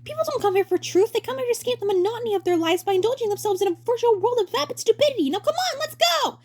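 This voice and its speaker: A woman's voice: extremely high pitch, lively intonation, very fast, darkish tone, pitched above the performer's own voice. A woman voicing a grinning, pushy male turtle director in a cartoon story, with a hammy, theatrical salesman delivery. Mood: exasperated, bossy. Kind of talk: dramatic reading of a cartoon fan story.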